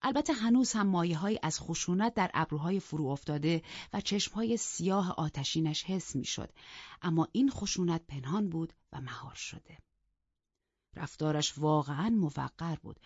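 A woman reading a novel aloud in calm, even scripted narration, in a dull, lo-fi recording. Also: low-pitched, breathy edge, no room sound. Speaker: audiobook narrator. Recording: dull lo-fi, dry.

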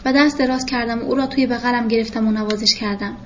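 A woman narrating a novel in a steady, even storytelling manner. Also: on the high side, muffled recording, a little hiss or hum. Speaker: audiobook narrator.

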